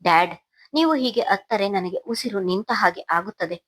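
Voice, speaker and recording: A woman's voice: medium pitch, normal speed, a bit bright, natural voice. A woman voicing a young daughter who pleads while crying, in a storybook narration. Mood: tearful.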